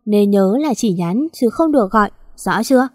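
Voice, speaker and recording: A woman voicing a bossy, gruff young rich master who gives curt, scolding orders. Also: medium pitch, animated, normal speed, no echo, studio quality, lightly acted.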